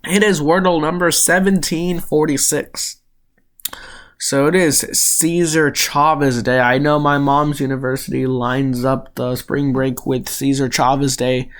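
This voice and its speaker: A young man from the United States hosting his gaming channel, giving chatty, unhurried commentary as he plays a word game and gets easily rattled. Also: mid-range voice, level tone. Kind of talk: casual commentary while playing a word game.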